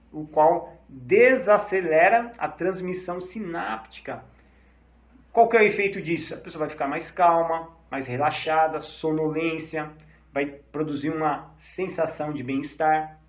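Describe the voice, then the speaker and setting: A Brazilian man, a psychologist, explaining treatments in an informal, conversational way and checking in with "tá?" and "né?". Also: high voice. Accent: Brazilian Portuguese. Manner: informal, often adding "tá?" and "né?". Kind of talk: explanatory talk to camera. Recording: echoey room, slightly dull sound.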